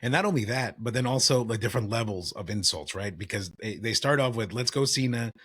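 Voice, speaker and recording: A man's voice: on the low side, fairly quick, a bit bright, breathy edge. A man co-hosting a wrestling podcast in a casual, conversational, slangy way. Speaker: podcast co-host.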